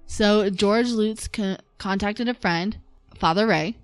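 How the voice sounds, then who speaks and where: A woman's voice: medium pitch, takes it slowly, clear, resonant tone, no room sound, faint music behind. A woman hosting a casual podcast, telling a story from notes in a chatty way, with some fillers. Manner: narrates from notes, chatty with laughs. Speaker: podcast host.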